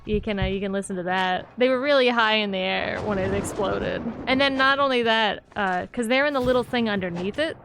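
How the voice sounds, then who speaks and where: A woman's voice: mid-range voice, fairly quick, hardly any pauses, noisy background. A woman on a game stream casually explaining facts and laughing often. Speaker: stream co-host. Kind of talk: casual gameplay chat.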